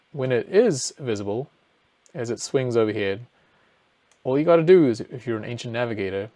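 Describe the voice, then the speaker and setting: A New Zealand man, the presenter, walks through an astronomy explainer on screen share. His voice is lowish and a little dark, recorded dry, and he talks casually, explaining as he thinks aloud with plenty of fillers.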